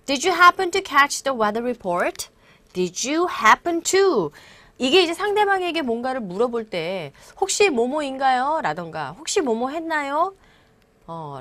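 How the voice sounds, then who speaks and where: A woman English teacher giving a classroom-style lecture. She explains patiently and reads each English example slowly and deliberately. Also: high voice. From Korea.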